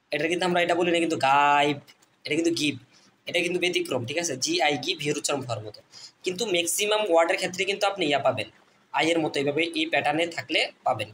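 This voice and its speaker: A man teaching English reading online, repeating letter sounds slowly and addressing viewers as friends. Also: on the high side, fairly bright tone, a little hiss or hum. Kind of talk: phonics lesson.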